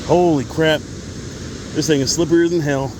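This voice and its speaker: A man's voice: a little high, fairly even intonation. A man chatting casually and informally as he films an outdoor fishing vlog. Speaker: amateur angler filming a fishing vlog. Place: outdoors by a waterfall. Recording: loud rushing water noise outdoors. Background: rushing water.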